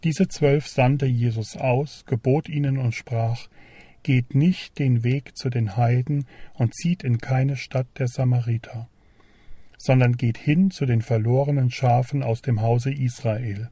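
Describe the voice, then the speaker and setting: A man giving a slow, solemn, measured reading of a Gospel passage aloud. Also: medium pitch, steady tone, warm tone, slightly rough, no room sound. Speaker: scripture reader.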